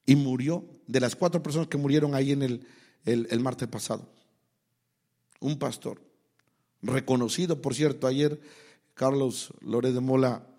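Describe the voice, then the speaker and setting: Husky-voiced Mexican pastor preaching. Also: male voice, mid-range voice. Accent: Mexican Spanish. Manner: impassioned preaching, swings between loud exhortation and quiet asides. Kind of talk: sermon.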